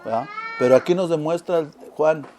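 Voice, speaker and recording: A man's voice: a little high, moderate pace, mellow, slight background noise. A man preaching a sermon, often asking his listeners rhetorical questions.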